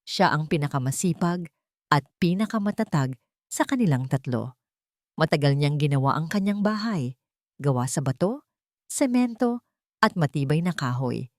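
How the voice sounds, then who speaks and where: A woman's voice: low-pitched, lively intonation, normal speed, long pauses, no room sound, clean studio sound. An older woman narrating a children's storybook tale in a lilting, grandmotherly way.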